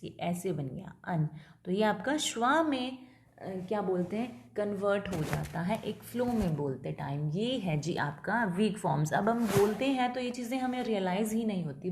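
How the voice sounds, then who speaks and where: Woman lecturer, Indian English accent, steady explanatory teaching voice, mixes languages. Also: mid-range voice. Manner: explains in Hindi mixed with English terms, slows down for English definitions. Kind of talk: classroom lecture video.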